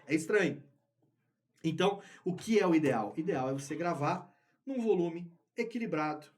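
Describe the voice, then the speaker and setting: Brief: male podcast instructor, high voice, explanatory, repeats points, studio mic. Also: expressive, normal speed. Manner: explanatory, repeats key words for emphasis. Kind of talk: recorded tutorial lesson. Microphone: studio microphone with headphones.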